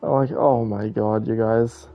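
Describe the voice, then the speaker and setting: This game streamer, a man, reacts casually and with strong opinions as he plays, speaking conversationally in a warm, steady voice that is on the low side and a little slow. The recording sounds slightly dull, and game music runs underneath.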